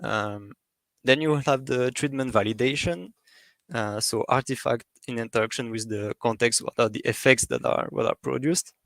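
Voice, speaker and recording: A man presenting an academic topic, pausing often with fillers and restarting his sentences. His voice sits at an ordinary middle pitch. The recording is dry and close, with little room sound. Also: a bit bright, no room sound. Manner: halting, with many fillers and restarts.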